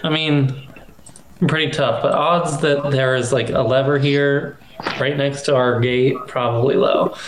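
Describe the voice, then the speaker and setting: A man's voice: medium pitch, level tone, measured pace, background noise. Man player thinking aloud at a game. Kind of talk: casual tabletop play.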